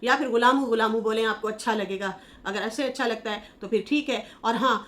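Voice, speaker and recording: A woman's voice: on the high side, fairly quick, a bit bright. A woman giving casual commentary, reading viewer comments aloud in a chatty, scolding manner and laughing as she mocks. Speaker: YouTube commentator.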